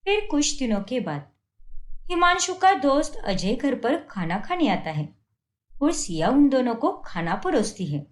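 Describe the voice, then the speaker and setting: Female narrator for a cartoon moral story; high, lively, plain storytelling. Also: measured pace.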